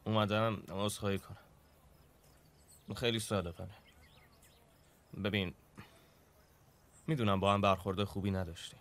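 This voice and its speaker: A man dubbing a drama character, speaking in a low, conciliatory way. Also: steady tone, long pauses, natural voice. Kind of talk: Persian dub acting.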